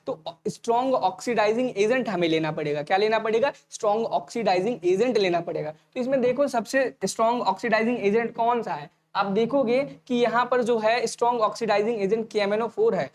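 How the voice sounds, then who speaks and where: Speaking fast in a high voice, a man gives an online exam-prep lecture, turning each point into a question for students and then answering it himself. His manner is casual and he speaks to the students directly.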